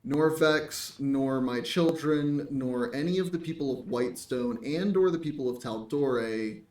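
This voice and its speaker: A man's voice: on the high side, normal speed, lightly acted. Man doing a groveling, whiny bard. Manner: pleading, overly formal apology. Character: flustered male bard, groveling and theatrical. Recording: echoey room, mic far off.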